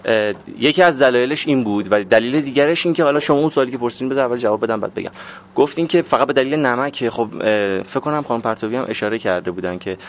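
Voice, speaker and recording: A man's voice: mid-range voice, a little hiss or hum. A man, a stage actor, explaining his choices in an interview with frequent fillers. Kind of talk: interview answer.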